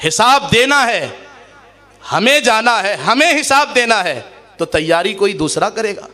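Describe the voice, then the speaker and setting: High, bright-voiced impassioned male preacher. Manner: impassioned, rising to shouts and dropping low; recites Arabic verses slowly. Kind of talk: sermon. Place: mosque or madrasa gathering.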